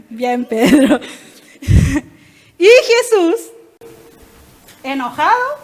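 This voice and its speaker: A woman preaching with a very high, bright voice. She tells the story with animation and calls people from the congregation to act it out. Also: very slow, poor audio. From Chile. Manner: animated storytelling, directing the congregation, laughs often. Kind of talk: lively interactive sermon.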